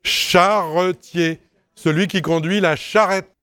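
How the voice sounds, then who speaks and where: A man talking slowly and clearly as he goes through a dictation, spelling each word out letter by letter. His voice sits a little high for a man, smooth and crisp, and the sound is dry and close. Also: dry recording. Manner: spells words letter by letter, explains patiently with asides. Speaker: teacher correcting a dictation. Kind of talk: dictation correction lesson.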